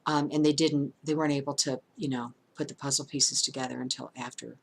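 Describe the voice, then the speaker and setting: Gravelly, very low-voiced woman in her 60s. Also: steady tone, brisk, a little hiss or hum. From St. Louis area, USA. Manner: drops to a hushed whisper for suspenseful moments; conversational, with fillers and restarts. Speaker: storyteller, channel host. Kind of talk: casual spoken storytelling.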